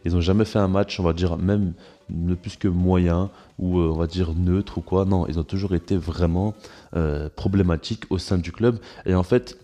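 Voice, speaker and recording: A man's voice: sits low, fairly even intonation, normal speed, warm tone. A man with a congested, blocked-nose sound gives informal, opinionated football commentary as a channel host, repeating words for emphasis.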